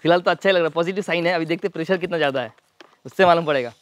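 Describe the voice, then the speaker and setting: A man casually reviewing and demonstrating a pressure washer, explaining each step quickly as he handles it. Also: on the high side. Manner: rapid, hands-on explaining while demonstrating. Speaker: product reviewer. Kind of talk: casual product demo and review.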